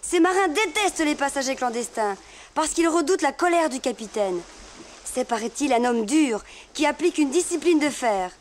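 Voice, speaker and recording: A woman's voice: sits high, lively intonation, moderate pace. A young letter-writing girl. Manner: gentle, confiding. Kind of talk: narrated letter reading.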